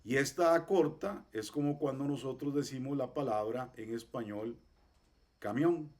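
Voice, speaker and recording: A man teaching a class, patiently explaining pronunciation and repeating each example slowly. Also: medium pitch, darkish tone. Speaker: Hebrew teacher. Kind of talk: online class.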